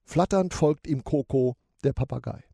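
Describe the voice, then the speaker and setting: A man narrating a children's story in an expressive storytelling way. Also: mid-range voice, moderate pace, creaky, husky, dry recording, studio quality.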